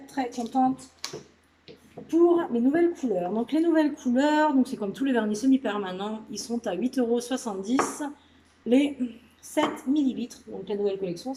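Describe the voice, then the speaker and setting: A woman's voice: fairly high pitch, mellow, reverberant, slight background noise, rough recording. A woman vlogging casually about a nail polish haul, chatty and gushing, with lots of filler words. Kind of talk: casual product haul video. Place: indoor room with a lamp.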